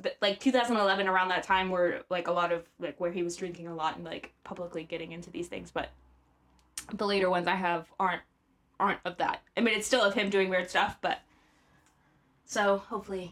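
A woman's voice: steady tone, a little fast, fairly bright tone. Chatty woman telling stories. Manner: rambling, many fillers, bursts into high acted quotes. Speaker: podcast co-host. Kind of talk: casual chat, storytelling.

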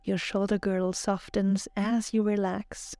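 Her mid-range voice calm and soothing, a woman narrates a guided yoga nidra relaxation at a measured pace. There is no room sound, only background music.

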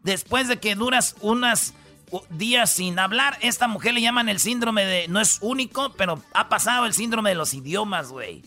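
This is a man hosting a comedy radio show, joking his way through a countdown of stories. His voice sits high and sounds bright and forward, with a gravelly rasp under it, and soft music plays behind him. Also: lively intonation, moderate pace. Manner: joking, slangy, punchline-driven.

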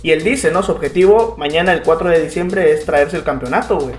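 A Mexican man with a high voice in a roomy, echoing recording. He chats casually in slang as a podcast co-host, over faint music. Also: fairly quick. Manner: slangy, peppered with tag questions.

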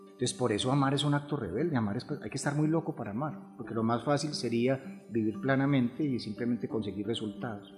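Calm man in a reverberant hall. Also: mid-range voice, a little fast. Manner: calm, explanatory, rhetorical questions. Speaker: grief therapist guest. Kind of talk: reflective podcast conversation. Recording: long hall reverb, faint music behind.

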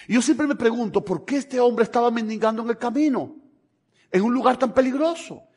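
A man preaching a fervent sermon, swinging between hushed asides and loud appeals. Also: sits high. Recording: long hall reverb.

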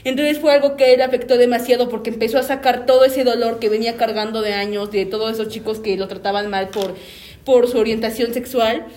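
Woman telling a family story, earnest, slightly high voice, leans on repeated words. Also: fairly even intonation, brisk, a little mellow, slight background noise. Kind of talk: personal storytelling.

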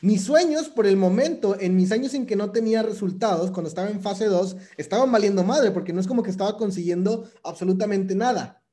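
A man's voice: high-pitched, a little fast, few pauses, mellow. A young Mexican man with a Mexican accent giving a motivational talk, casual and slangy, hammering points home by repeating them. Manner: casual, slangy, emphatic with repetition. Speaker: motivational speaker. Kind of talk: motivational monologue.

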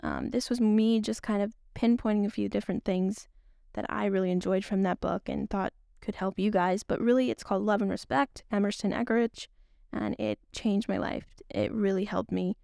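A young woman chats earnestly on her faith podcast, drifting off topic with little laughs. Her voice has a gravelly fry to it, and she sounds close and dry with no room echo. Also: mid-range voice, fairly even intonation, normal speed, mellow. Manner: rambling, earnest, laughs often. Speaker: podcast host. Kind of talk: casual faith talk to women.

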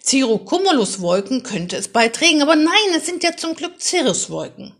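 A woman voicing an excited young boy who talks loudly and gleefully in a high voice. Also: moderate pace, husky. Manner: loud, gleeful, high-pitched.

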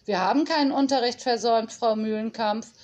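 A woman's voice: fairly high pitch, a little fast, a little mellow, close to an everyday voice. A woman reading aloud and voicing a clever, cheeky schoolgirl who talks eagerly.

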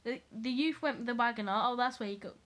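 A woman's voice: a little high, fast, a bit bright. A young woman reading a fairy tale aloud to a friend, breaking off often to joke and laugh. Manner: joking, laughs often, reads with asides. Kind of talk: casual chat and reading aloud.

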